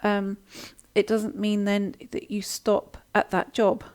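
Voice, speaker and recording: Her delivery is completely flat and slow, in a mid-range voice. As host of a live online coaching session, she casually reads viewer comments and answers them. She sounds chatty and warm-hearted, with many ums and restarts.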